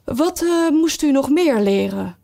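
A woman's voice: sits high, animated, unhurried, creaky, warm tone, pitched above the performer's own voice, exaggerated voice. A woman voicing a curious, polite young girl asking eager questions.

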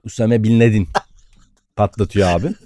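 A man co-hosting a podcast, telling playful bits in an animated, casual way. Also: on the low side, normal speed, no echo. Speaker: podcast co-host. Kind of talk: casual comedic chat.

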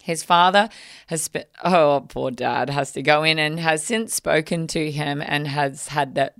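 A woman's voice: low voice, fairly even intonation, measured pace, fairly bright tone, dry recording, clean studio sound. A middle-aged woman, co-hosting a casual chat and reading listener letters aloud before commenting on them. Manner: chatty, reads letters aloud then comments. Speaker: podcast co-host.

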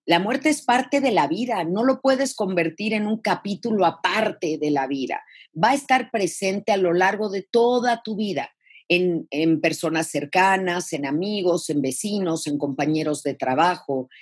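A woman thanatologist with a Mexican accent giving advice in a podcast interview, expressive and full of rhetorical questions. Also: on the low side, a little slow, slightly rough. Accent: Mexican Spanish. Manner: expressive, acts out quoted phrases, rhetorical questions. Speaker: thanatologist guest.

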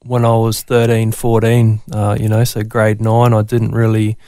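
Smooth-voiced man with a Queensland accent. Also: on the low side, completely flat delivery, moderate pace, dark tone, no room sound, clean studio sound. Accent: Queensland Australian. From Brisbane, Australia. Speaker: interview guest. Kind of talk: casual personal testimony in interview.

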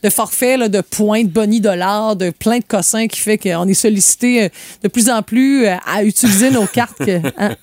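A woman's voice: mid-range voice, moderate pace, a little mellow, no room sound, studio quality. A woman with a Quebec French accent co-hosting casual radio chat, speaking in a colloquial, conversational way. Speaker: radio show co-host.

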